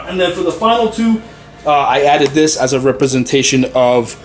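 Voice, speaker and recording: A man's voice: on the high side, normal speed, creaky, soft background music. A man hosting a card game channel, giving a rambling, easygoing walk through his deck with many fillers and a little out of breath. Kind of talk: casual deck walkthrough.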